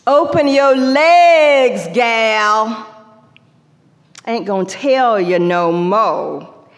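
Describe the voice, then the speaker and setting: Woman doing a brash male auctioneer, coarse barking patter, pitched high, long hall reverb. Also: very slow. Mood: leering, loud.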